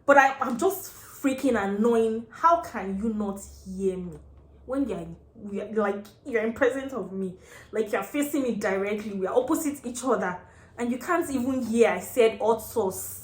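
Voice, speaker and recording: A woman's voice: on the high side, animated, moderate pace. Exasperated Nigerian woman, echoey room. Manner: exasperated, emphatic, repeats phrases for effect. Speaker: vlogger. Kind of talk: casual storytelling rant. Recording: echoey, reverberant room sound.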